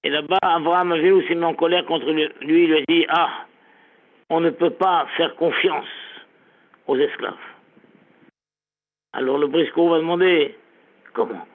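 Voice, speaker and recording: A high-pitched man delivers a rabbi's Torah lesson in storytelling fashion, hammering home his main point through repetition. The sound is thin and tinny, like a phone line. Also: steady tone, unhurried, pauses often. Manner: storytelling, emphatic repetitions of key phrases. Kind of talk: sermon-style Torah lesson.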